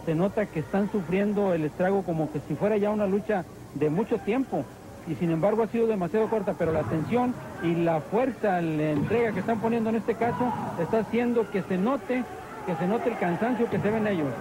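A man's voice: sits high, fairly quick, background noise. A man with a Mexican accent commenting on and analysing a live wrestling match as a commentator.

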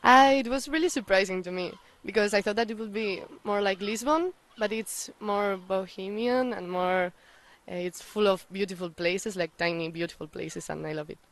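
A woman's voice: mid-range voice, normal speed, low-quality recording. A young woman from the Basque Country, answering interview questions with enthusiasm on a handheld mic indoors. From Basque Country, Spain. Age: young adult. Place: indoor hostel reception.

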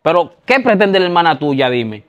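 A man playing a quick-tempered husband who gets worked up and keeps repeating himself. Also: a little high, big pitch swings, lo-fi sound. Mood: agitated. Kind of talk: amateur drama acting.

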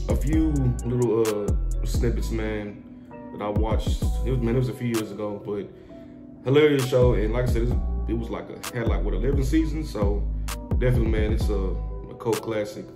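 A man's voice: medium pitch, roomy sound. A man hosting a reaction video, talking casually and saying "man" often. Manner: laid-back, says "man" a lot. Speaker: reaction channel host.

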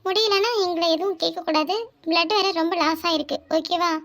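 A woman voicing a brisk, stern hospital nurse in a cartoon, with a southern Tamil Nadu accent. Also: extremely high pitch, steady tone, creaky, fairly bright tone, full character voice. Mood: businesslike. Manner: businesslike, curt.

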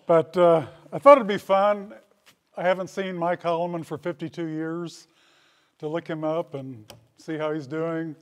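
A man's voice: on the high side, fairly even intonation, measured pace. A man near seventy giving a hall of fame acceptance speech at a podium in a school hall, telling old stories with dry humor. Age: 60s. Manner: folksy storytelling with dry humor. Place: school hall with brick walls. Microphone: podium microphone.

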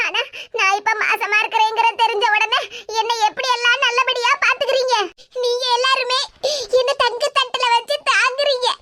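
Woman doing remorseful pregnant young wife, Kanyakumari Tamil accent, very high squeaky cartoon voice, noisy audio. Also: fairly even intonation, normal speed. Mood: tearful, remorseful. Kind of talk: animated cartoon comedy dialogue.

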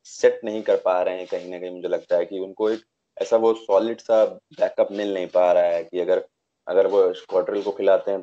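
A young man with a low, warm voice talks cricket conversationally as host on a video call, hesitating and reaching for words. The setting is a small room indoors, and the call audio is dull and lo-fi.

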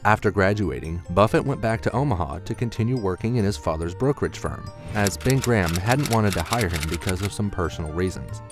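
A man giving measured, scripted documentary narration. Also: low-pitched, animated. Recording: narration over clear background music.

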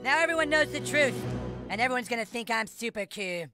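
A man's voice: very high voice, expressive, brisk, bright, forceful tone, soft background music, full character voice. A man voicing a bratty, scheming, self-important fat boy in a cartoon, with a nasal, whiny, bossy way of talking. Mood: boastful. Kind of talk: cartoon voice acting.

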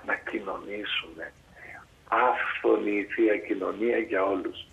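A man, an Orthodox priest with a Greek accent, tells a Christmas story over the phone in an animated way and jumps up in pitch for emphasis. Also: vocal fry, background noise. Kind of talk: warm storytelling on a phone call. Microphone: telephone line. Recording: tinny phone line on radio.

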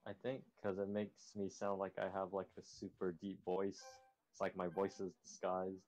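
Male gamer on voice chat, filtered into a very low, disguised voice, monotone, casual and rambling. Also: moderate pace. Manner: rambling, filler-heavy talk. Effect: voice-chat filter making his voice sound very deep and disguised.

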